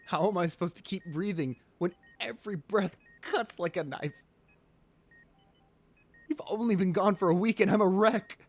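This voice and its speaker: This high-pitched man voices a lover who is both ruthless and devoted in an intimate romantic ASMR roleplay. His speech comes out halting, emotional and pleading, with a grim, vengeful mood.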